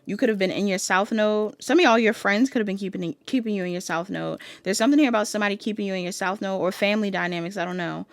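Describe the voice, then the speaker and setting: A woman gives a relaxed pick-a-card tarot reading in an easy, chatty way, calling her viewers y'all. She moves between loose talk and reading card meanings aloud from a guidebook. The sound is dry, with no room echo. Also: mid-range voice, quick pace, hardly any pauses. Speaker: tarot reader.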